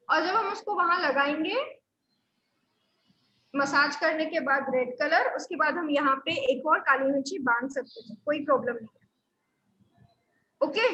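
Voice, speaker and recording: Her high voice is pushed and bright as this Sujok therapy instructor leads an online acupressure lesson, patiently going step by step and repeating the main points. The room is echoey, the highs are cut off, and there's a bit of hiss or hum.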